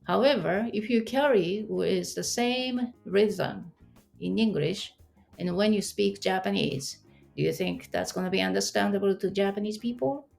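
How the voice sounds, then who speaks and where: A woman's voice: mid-range voice, measured pace, vocal fry, darkish tone, soft background music. A woman teaching an online language lesson, explaining patiently and asking the listener questions.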